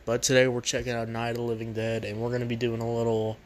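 A man's voice: mid-range voice, monotone, quick pace. A man hosting a casual, unscripted movie review, rambling and repeating himself, recorded on a poor makeshift microphone. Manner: rambling, repetitive. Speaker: movie review show host. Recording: cheap makeshift mic, noisy background.

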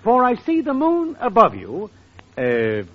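A man playing a brash, wisecracking young schemer writing a song, with a husky voice, in 1940s radio comedy style, on a dull old recording. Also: sits high, huge pitch swings, measured pace, exaggerated voice. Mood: scheming. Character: fast-talking male songwriting schemer.

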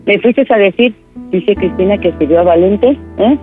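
A man's voice: high-pitched, moderate pace, phone-quality sound, faint music behind, lightly acted. A man doing a furious scorned Mexican woman. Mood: indignant. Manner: scolding, insistent, talks over the other. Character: hurt, furious woman accusing a male friend of betrayal. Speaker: prank caller. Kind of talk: prank phone call.

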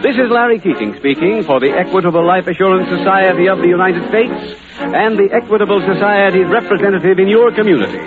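A male announcer giving the sponsor's message and closing credits in a formal, polished pitchman manner, heard as an old radio broadcast transcription. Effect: old broadcast disc transcription sound. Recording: tinny vintage radio transcription with music.

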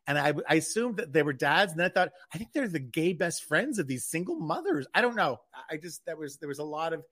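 Higher-voiced man hosting casual radio chat. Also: big pitch swings, fairly quick, a bit bright. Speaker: radio show host.

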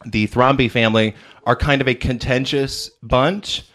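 A man's voice: medium pitch, fairly even intonation, moderate pace, a bit bright. A man co-hosting a casual movie review chat, opinionated and critical, with frequent fillers. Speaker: podcast co-host reviewing films.

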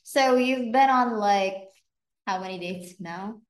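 A woman hosting a podcast in casual chat, thinking aloud with relaxed fillers. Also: medium pitch, takes it slowly. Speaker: podcast host. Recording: echoey room.

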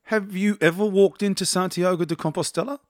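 A man's voice: high-pitched, steady tone, no echo, clean studio sound. A male interviewer chatting casually and asking eager, enthusiastic questions. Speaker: interviewer, vlog host.

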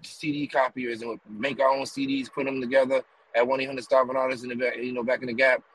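A man's voice: medium pitch, flat delivery, fast, fairly bright tone, breathy edge, rough recording. A man from the US East Coast, a rapper and promoter telling long rambling stories in a casual interview while riding in a car. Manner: rambling run-on stories with many fillers and "you know what I mean". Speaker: guest, rapper and music promoter.

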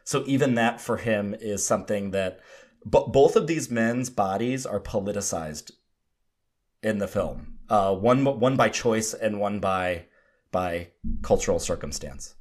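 A man with a lowish, darkish voice and lively intonation co-hosts a film podcast at a measured pace. He breaks down a movie in casual yet analytical talk, then hands the floor to his co-host by name.

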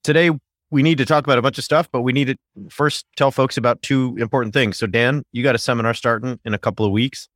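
A middle-aged man hosts a casual podcast chat, friendly and joking, with hesitant fillers. His mid-range voice is fairly bright, fast, and fairly even in intonation. The studio recording is clean, with no room sound.

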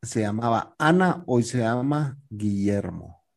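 A man's voice: mid-range voice, slow, creaky. A man with a Guatemalan Spanish accent, chatting casually as a co-host and telling stories with acted-out quotes. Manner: lively storyteller acting out quotes. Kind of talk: casual chat.

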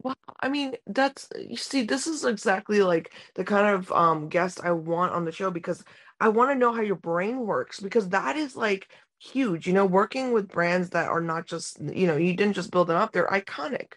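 A woman's voice: medium pitch, normal speed. A woman hosting a skincare podcast in a casual, chatty way, full of "you know" and "like" fillers. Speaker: podcast host. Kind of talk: casual interview chat.

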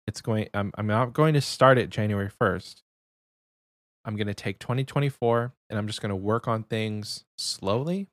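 A man's voice: lowish voice, no room sound, clean studio sound. A young adult man co-hosting a podcast in casual chat, keeping his voice down. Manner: talking quietly to avoid waking someone. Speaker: podcast co-host.

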